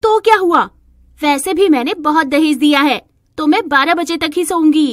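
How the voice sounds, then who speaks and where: A woman's voice: high voice, moderate pace, dry recording, clean studio sound, pitched above the performer's own voice, natural voice. A woman voicing a spoiled, stubborn young bride who whines and demands. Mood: petulant. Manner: whiny and demanding.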